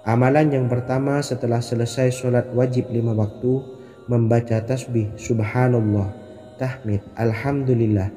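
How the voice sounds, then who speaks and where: A man giving scripted religious narration, in a measured way and reciting Arabic phrases. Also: medium pitch, fairly even intonation, warm tone. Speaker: Islamic devotional narrator. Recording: long hall reverb, faint music.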